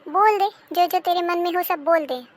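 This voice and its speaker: A woman's voice: very high voice, normal speed. A woman voicing a nagging, self-pitying older mother-in-law in a cartoon. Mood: bitter. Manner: complaining, bitter, self-pitying. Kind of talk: cartoon dubbing.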